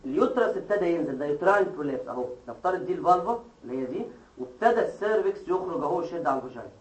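A man with an Egyptian Arabic accent giving a classroom lecture, explaining step by step and quizzing his students with quick questions. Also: a little high, lively intonation, distant mic. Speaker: medical lecturer. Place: lecture hall. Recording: echoey hall, taped from afar.

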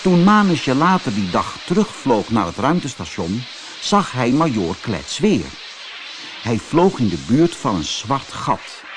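A man narrating a children's story for an audiobook, in an animated storytelling manner. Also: mid-range voice. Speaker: audiobook reader. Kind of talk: fairy-tale narration for children.

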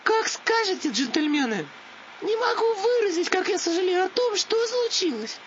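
A man voicing a frightened old hotel maid, a woman, with a shrill pleading squeal. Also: big pitch swings, moderate pace, full character voice. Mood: eager. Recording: dull lo-fi audiobook with loud hiss.

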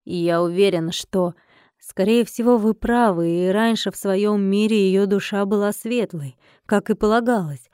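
A woman's voice: mid-range voice, moderate pace, mellow, clear, resonant tone, dry recording, clean studio sound, natural voice. A woman reading an audiobook and voicing a young male servant to a mage lord who speaks politely and deferentially.

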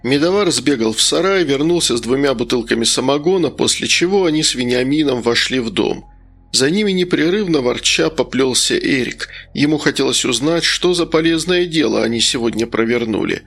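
A man narrating an audiobook in a steady storytelling manner. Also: mid-range voice, fairly quick. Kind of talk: scripted narration.

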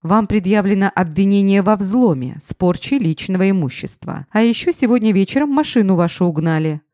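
A woman's voice: mid-range voice, expressive, a little fast, dark tone, no room sound, close to an everyday voice. Woman playing uniformed men, formal, official, dry sound.

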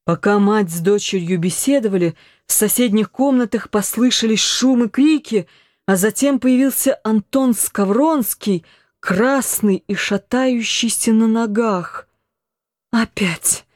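A woman narrating a historical novel in an audiobook, measured storytelling. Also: on the high side, a little mellow, no room sound, clean studio sound.

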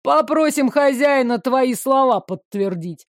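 A woman voicing a gruff, mocking male city guard who talks slowly and tauntingly. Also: sits high, animated, no room sound, studio quality. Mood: menacing. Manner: sneering, slow and taunting.

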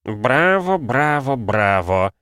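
Brief: male reader voicing a fussy, mocking alchemist, pitched well up, dry close sound. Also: very animated, moderate pace, clear, resonant tone, dry recording, lightly acted. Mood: mocking praise. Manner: sanctimonious, theatrical, sly.

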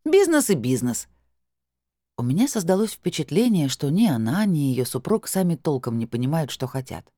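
An expressive audiobook narrator telling a first-person story and acting out the dialogue. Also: medium pitch, brisk, no room sound, studio quality.

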